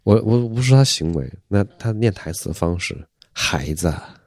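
A man's voice: on the low side, animated, a little fast, darkish tone, no echo. A man co-hosting a podcast in casual chat, blunt and critical in a matter-of-fact way. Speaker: podcast co-host.

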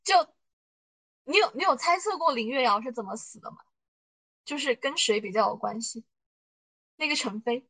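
A woman's voice: on the high side, lively intonation, moderate pace, long pauses, sharp tone, dry recording, rough recording. A woman hosting a podcast, chattily retelling drama scenes and thinking aloud about hidden motives, with lots of fillers. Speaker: podcast host. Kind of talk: casual plot recap and analysis.

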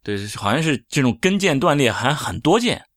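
A man's voice: on the high side, big pitch swings, fairly quick, fairly bright tone, no echo, studio quality. A man in casual chat as co-host, plain-spoken and colloquial, reacting and rephrasing in everyday words. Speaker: co-host, layman asking questions.

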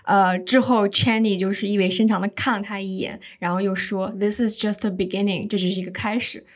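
A woman's voice: medium pitch, steady tone, brisk. A woman guest on a podcast in casual film discussion, eagerly retelling a film's ending.

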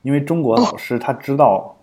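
A man's voice: medium pitch, normal speed, darkish tone. A man co-hosting a podcast in casual explanatory chat, thinking aloud with frequent fillers and restarts. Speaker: podcast co-host.

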